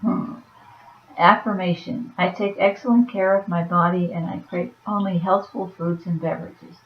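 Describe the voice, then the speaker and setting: A woman's voice: on the low side, steady tone, normal speed. A woman with a weak, fading voice reading oracle cards aloud and adding offhand comments. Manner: soft-spoken, reads then comments offhand. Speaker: oracle card reader. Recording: roomy, dull lo-fi sound.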